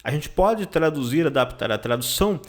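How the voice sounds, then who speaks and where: Male language teacher, somewhat high voice, patient explainer. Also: lively intonation, normal speed. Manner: explanatory, frequent "tá?" and "né?" checks. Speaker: German teacher. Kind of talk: online language lesson.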